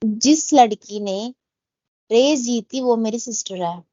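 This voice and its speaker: A woman teaching an English grammar lesson. She explains in Hindi and reads the English example sentences slowly. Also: a little high, warm tone, no room sound, lo-fi sound.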